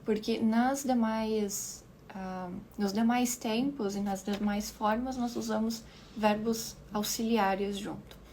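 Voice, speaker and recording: Woman teaching a lesson online, slightly high voice, takes it real slow, repeats words. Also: steady tone, darkish tone, a little hiss or hum. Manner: patient explaining, repeats words slowly for pronunciation; checks in with listeners often. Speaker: English teacher.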